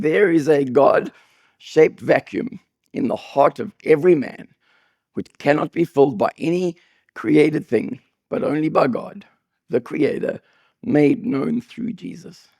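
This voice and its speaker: A man preaching a sermon as pastor, with an accent, telling humorous stories with sudden high bursts of emphasis. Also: dry recording, clean studio sound. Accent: non-local accent. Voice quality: gravelly, husky voice. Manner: animated, jokey storytelling with sudden high bursts.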